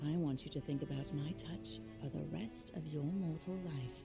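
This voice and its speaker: A woman's voice: deep voice, normal speed, vocal fry. A woman playing a possessive, hungry female sea creature who seduces mortals in a sultry, tempting game performance. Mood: possessive desire. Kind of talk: video game voice acting. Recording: music playing behind.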